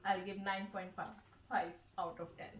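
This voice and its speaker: A woman's voice: mid-range voice, flat delivery, normal speed. A woman reviewing snacks as host in casual taste-test chat, murmuring as she tastes between short verdicts. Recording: roomy, distant, noisy with clicking.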